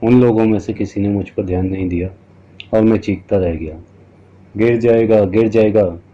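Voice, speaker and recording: Low-voiced man narrating a horror story. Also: fairly even intonation, a little fast, mellow. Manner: dramatic, storytelling. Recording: dull lo-fi recording.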